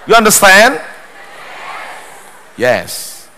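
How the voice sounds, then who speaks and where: A man's voice: high voice, very slow, slight background noise. A man preaching a sermon, telling jokes with acted-out voices and leading the congregation in call-and-response. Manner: animated joke-telling, acts out voices. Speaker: pastor. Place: large church hall. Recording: long hall reverb.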